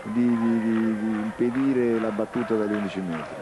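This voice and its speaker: A man's voice: lowish voice, steady tone, moderate pace, music in the background, a crowd in the background. A middle-aged man giving analytical football commentary as a co-commentator, in a reflective, conversational, explanatory way. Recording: clear outdoor stadium noise.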